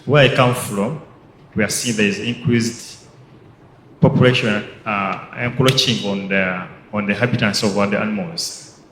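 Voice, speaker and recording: A man speaks from the floor of a large conference hall. His voice sits fairly low. The sound is roomy, with a long reverb and a faint hum of ambience behind him. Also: steady tone. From Uganda. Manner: earnest, with halting restarts. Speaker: audience participant. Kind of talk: spoken contribution at a panel.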